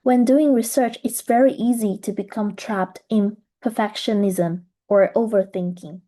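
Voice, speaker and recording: A young woman from Taiwan giving a measured, earnest presentation about her graduate studies. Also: medium pitch, fairly even intonation, mellow. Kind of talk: scripted presentation.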